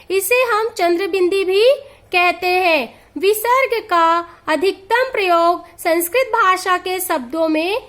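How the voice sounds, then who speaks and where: Slow, very high-pitched woman teacher. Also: sharp tone. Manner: slow, deliberate explanation, drawing out each letter. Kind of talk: grammar lesson.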